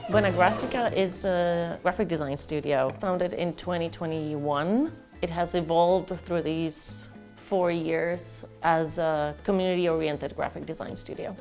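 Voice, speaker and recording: Colombian woman designer, lowish gravelly voice, music in the back. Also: steady tone, unhurried, hardly any pauses, darkish tone. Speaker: graphic designer. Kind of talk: documentary interview. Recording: music bed underneath.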